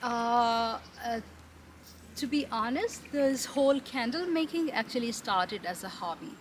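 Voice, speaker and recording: A woman's voice: fairly high pitch, unhurried. A young adult woman from Pakistan, chatting as an interview guest in a friendly way, restarting her sentences often. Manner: friendly, with frequent restarts and fillers. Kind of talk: casual interview. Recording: noisy background.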